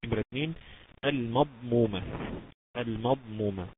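A man with an Egyptian Arabic accent teaching Quran recitation rules in an online lesson, drilling points patiently and stretching out example words slowly. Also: mid-range voice. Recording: tinny phone-like line with background noise.

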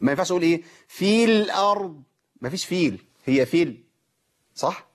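A rapid-fire Egyptian teacher walks learners through the rules of Quran recitation. His voice is husky and sits a little high, and he keeps asking questions of his listeners before answering them himself. Now and then he slows down to model the correct pronunciation. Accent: Egyptian Arabic. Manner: explains with rhetorical questions, demonstrates recitation. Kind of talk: tajweed lesson.

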